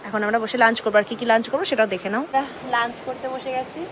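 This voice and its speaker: A woman's voice: fairly high pitch, fairly even intonation, racing. A woman vlogging her hill trip, chatting to viewers as she shows food, rooms and views. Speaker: travel vlogger. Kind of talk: casual travel vlog narration. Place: outdoors in hills and indoors at homestays. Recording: phone vlog with clear ambient noise.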